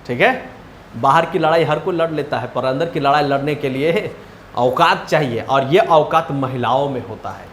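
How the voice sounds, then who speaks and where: A man's voice: medium pitch, moderate pace, fairly bright tone, reverberant, a little hiss or hum. A man teaching a class, retelling a story in a chatty way and often asking whether the students follow. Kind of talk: storytelling lesson retelling a chapter.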